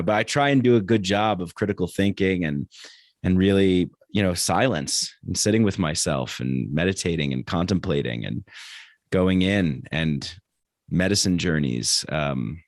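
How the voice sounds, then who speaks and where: A man talking as a podcast guest, relaxed and halting, with many restarts and fillers. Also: deep voice, no echo. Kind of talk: casual conversation.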